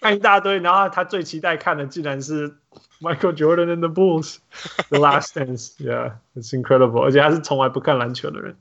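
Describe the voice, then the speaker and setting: A man hosting a casual podcast chat, switching freely between Mandarin and English in an animated way. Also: fairly high pitch, fairly quick, creaky, dull audio. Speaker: podcast host.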